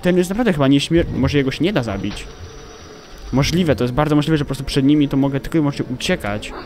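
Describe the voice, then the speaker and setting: A young man, commentating his gameplay with excited outbursts and swearing. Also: fairly high pitch, quick pace, slight background noise. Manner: excitable, exclaiming and swearing at the game. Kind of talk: let's play commentary. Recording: game music playing behind.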